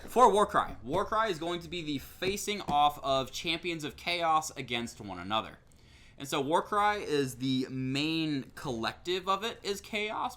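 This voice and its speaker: A man walks through hobby boxes in a loose, animated way, with his pitch rising and falling widely. He often breaks into laughter and quick asides. A faint noise sits under the recording. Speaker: co-host. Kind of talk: casual product rundown.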